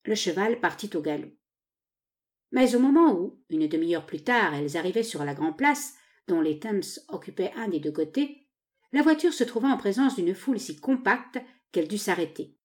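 A woman's voice: mid-range voice, expressive, moderate pace. A woman narrating a novel as an audiobook, telling the story expressively.

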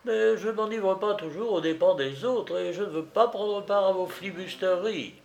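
A man's voice: normal speed, gravelly, a little mellow, roomy sound. A man putting on a fretful old grocer. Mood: indignant. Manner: pleading, indignant, raised pitch. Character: impetuous sixty-year-old male grocer, fretful. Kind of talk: audiobook character voice.

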